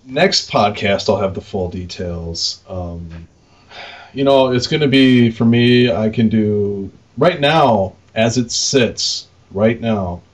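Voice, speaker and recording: On a dull lo-fi recording, a man with a lowish voice speaks slowly while co-hosting a podcast. He runs arcade games and drifts through casual, unscripted shop talk, sprinkling in mildly crude slang.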